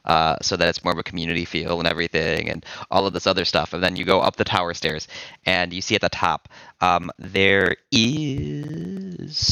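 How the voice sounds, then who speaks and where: Low-voiced guy gm, bright crisp tone, lots of ums and restarts. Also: no echo. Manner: halting, many fillers and restarts. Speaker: game master. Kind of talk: narrating a tabletop game.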